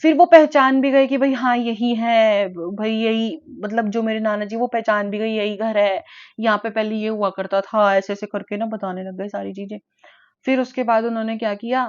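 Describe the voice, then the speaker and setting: A woman vlogger retelling family stories in a chatty, animated way. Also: fairly high pitch, dry recording, muffled recording. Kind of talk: casual storytelling to camera.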